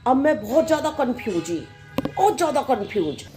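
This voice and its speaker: A woman's voice: high voice, sing-song, fairly quick, over music. A woman voicing a young, uneducated village daughter-in-law with simple rustic speech, coaxing and naive, in a comic sketch. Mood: explaining.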